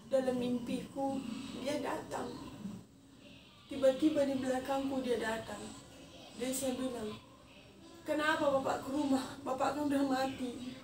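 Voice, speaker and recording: A woman in her thirties telling a personal story in a halting, emotional way. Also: sits high, steady tone. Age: 30s. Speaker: vlogger. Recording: echoey distant mic with noisy ambience.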